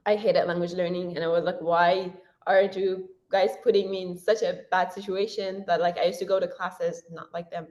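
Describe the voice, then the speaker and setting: A young university student whose first language is Persian appears as a guest in a casual interview, talking frankly and chattily with frequent "like" and quick self-corrections. Her voice is on the low side, level and darkish in tone.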